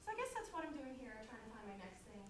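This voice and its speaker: A distant, noisy recording carries an actress playing a young small-town woman on stage. She is chatty and theatrical, confessing in a high voice and easily flustered. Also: sing-song, racing. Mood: reflective, earnest. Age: 20s. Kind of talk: stage play acting. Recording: very echoey room, distant mic, noisy.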